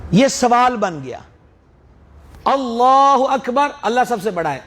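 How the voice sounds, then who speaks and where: A man's voice: sits high, big pitch swings. A middle-aged man from Pakistan, preaching and teaching how to pronounce prayer words, drawing out sounds to demonstrate them and raising emphatic questions. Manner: explanatory, drawn-out demonstrations of Arabic sounds, rising emphatic questions. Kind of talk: religious lecture.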